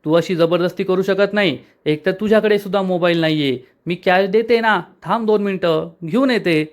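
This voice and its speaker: A man voicing a quick-tempered, irritated young woman who snaps back, retold in a serial recap. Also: high-pitched, close to an everyday voice. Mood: exasperated. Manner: snappy, exasperated.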